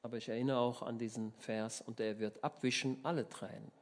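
A man from Germany preaches a sermon with an animated, conversational delivery, checking in with his listeners as he goes. He slips into the voices of the people in the story to bring it to life. His voice sits in a middle pitch. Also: a little fast. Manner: lively storytelling, acts out voices, asks the listeners questions.

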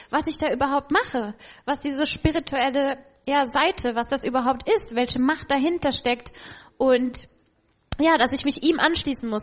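Emotional German woman telling her testimony. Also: high-pitched. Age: adult with children. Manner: emotional, reflective storytelling. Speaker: testimony speaker. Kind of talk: personal faith testimony.

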